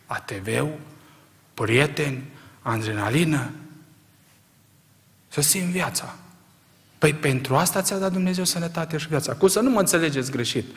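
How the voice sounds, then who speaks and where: Emphatic preacher in a long-echoing hall. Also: male voice, fairly high pitch, expressive, long pauses. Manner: emphatic, rhetorical questions, swings from quiet to loud. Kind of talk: sermon.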